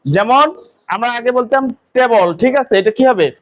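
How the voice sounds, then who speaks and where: A man teaching an English pronunciation lesson to a class, quizzing students with quick questions. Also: very high-pitched, lively intonation, fairly bright tone, dull audio.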